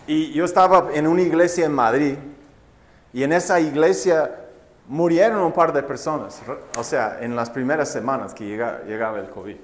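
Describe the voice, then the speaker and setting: Guy preaching a sermon, kinda high voice, tells stories and keeps asking the church "right?". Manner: storytelling with rhetorical questions to the congregation; addresses listeners as brothers and sisters. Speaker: pastor.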